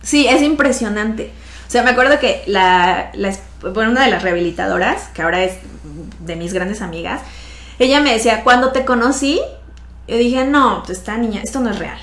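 Lively Mexican woman telling her story. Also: on the high side, brisk. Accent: Mexican Spanish. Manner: lively, laughs often, acts out quoted voices. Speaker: podcast guest. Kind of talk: casual conversational storytelling. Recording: echoey room sound.

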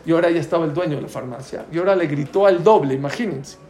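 A man's voice: fairly high pitch, rapid-fire, a little mellow, soft background music. A man, a rabbi giving a storytelling sermon who keeps asking his listeners questions. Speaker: rabbi teaching a Torah class.

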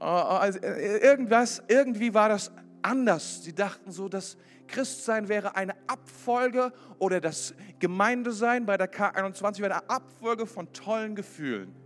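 A man preaching a sermon to a congregation, swinging from loud exclamations to quiet, earnest appeals. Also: sits high, expressive, moderate pace. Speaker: pastor. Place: church hall before a congregation. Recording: with background music.

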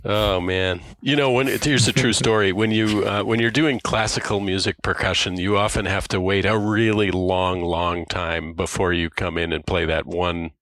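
A man's voice: sits low, steady tone, moderate pace, few pauses, a bit bright, no echo. A man podcast panelist talking casually in a rambling, anecdotal way. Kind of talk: casual chat.

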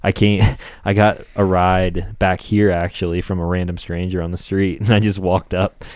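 A man's voice: low voice, flat delivery, moderate pace, a little mellow, dry recording, studio quality. A young man hosting a podcast, telling a story in casual chat, laid-back and swearing, laughing now and then. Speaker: podcast host.

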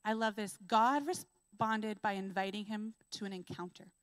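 A woman preaching a sermon in a conversational, earnest way, full of casual fillers, who slows down and builds emphasis when she reads scripture. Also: mid-range voice, dry recording, low-quality recording. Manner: reads scripture aloud with slow, rising emphasis. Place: church.

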